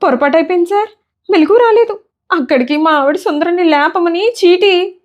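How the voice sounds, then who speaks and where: Woman doing a meek, frightened clerk, high and pleading, comic storybook. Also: moderate pace, highs cut off.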